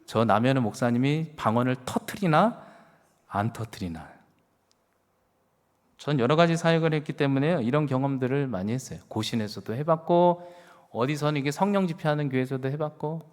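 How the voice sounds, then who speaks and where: A middle-aged man preaching a sermon as pastor, telling stories with swings from hushed words to loud exclamations. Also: mid-range voice, brisk. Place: church sanctuary. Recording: reverberant church hall.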